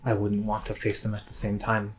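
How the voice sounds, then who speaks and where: A man playing a tabletop game, speaking in character softly and tentatively, with many "um"s. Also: lowish voice, completely flat delivery, brisk, over a noisy crowd. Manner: soft-spoken and tentative, many "um"s. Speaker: player. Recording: clear music in the background.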